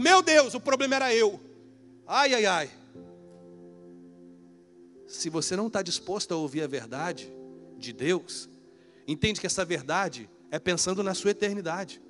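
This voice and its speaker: High-voiced pastor preaching in an echoey hall. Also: male voice. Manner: animated, acts out dialogues. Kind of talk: sermon. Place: church. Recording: echoey church hall with faint music.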